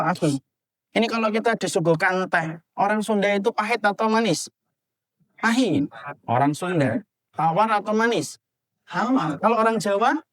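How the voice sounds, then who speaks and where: Man, preacher, from Java, animated, rhetorical questions. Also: high-pitched. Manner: animated, rhetorical questions to the audience, acts out husband and wife. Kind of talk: sermon.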